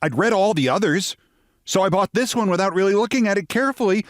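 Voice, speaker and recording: A man's voice: high-pitched, lively intonation, quick pace, no echo, clean studio sound, voice pushed up. A man reading a humorous short story, voicing a chatty, emphatic, opinionated woman. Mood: chatty, put out. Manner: emphatic, gossipy, matter-of-fact certainty. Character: opinionated, chatty American woman, avid detective-story fan.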